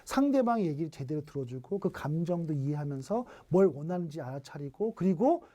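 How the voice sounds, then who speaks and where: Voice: medium pitch, very animated, a little fast, mellow. A lecturer giving an online professional training talk, posing rhetorical questions to the audience and acting out short bits of everyday dialogue. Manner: asks rhetorical questions, acts out quoted dialogue. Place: streamed online training session.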